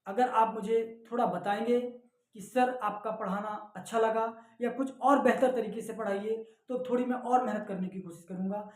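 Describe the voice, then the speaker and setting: A man's voice: high voice, steady tone, moderate pace. A male English teacher with an Indian accent, explaining a lesson line by line and switching between Hindi and English, often checking that students follow. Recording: echoey room.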